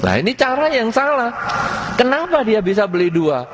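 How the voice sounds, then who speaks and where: An older man giving a Buddhist sermon, asking his audience lively rhetorical questions and slipping into words. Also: extremely high pitch, normal speed, slight background noise. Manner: animated, rhetorical questions, mixes in Javanese words. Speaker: Buddhist monk giving a Dhamma talk.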